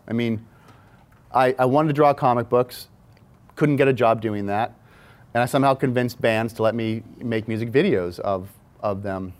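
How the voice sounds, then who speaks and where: A man's voice: mid-range voice, moderate pace. A man, a film director, casually telling an anecdote in a rambling way with frequent restarts. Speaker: music video and film director, guest.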